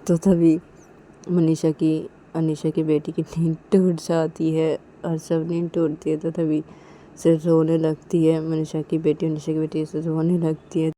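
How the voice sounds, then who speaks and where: A woman's voice: low voice, completely flat delivery, a little slow, dark tone, a little hiss or hum. A woman narrating a romantic story casually, retelling each action plainly and repeating names often.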